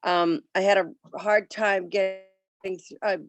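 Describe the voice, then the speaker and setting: A woman giving a halting meeting report over a video call whose audio keeps cutting in and out. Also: mid-range voice, little pitch movement. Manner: halting, with many fillers and restarts. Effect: choppy video-call audio that cuts in and out. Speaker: housing committee member reporting remotely. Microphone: video call over home Wi-Fi.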